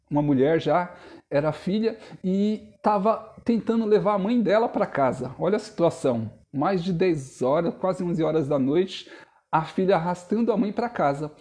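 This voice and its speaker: A man's voice: sits high, dark tone. A young adult man, preaching and telling a personal testimony to his congregation in an earnest, storytelling way. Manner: earnest storytelling, addresses listeners as brothers. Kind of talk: sermon testimony.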